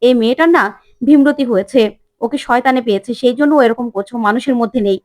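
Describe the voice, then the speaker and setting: A woman's voice: on the high side, quick pace, a little mellow, close to an everyday voice. A woman voicing an angry middle-aged father in a soap-opera recap. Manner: angry, denouncing.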